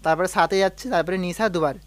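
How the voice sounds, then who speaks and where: A man teaching a devotional song on harmonium, singing note names and breaking words slowly into syllables. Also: high-pitched. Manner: sings sargam note names over the harmonium. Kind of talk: music lesson, singing and explaining notes. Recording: harmonium playing along.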